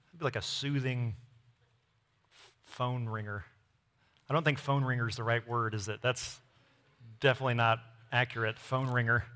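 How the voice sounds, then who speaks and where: A man preaching a sermon as pastor, with emphatic delivery that swings between loud declarations and hushed asides. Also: medium pitch, long reverb tail.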